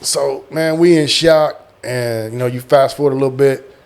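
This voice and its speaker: A man's voice: medium pitch, normal speed, gravelly. Middle aged guy w just telling his stories, acts out the quotes, repeats words for punch. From small-town Texas, United States. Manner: animated retelling, acting out quotes, repeating words for emphasis. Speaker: guest, military veteran. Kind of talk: casual personal storytelling.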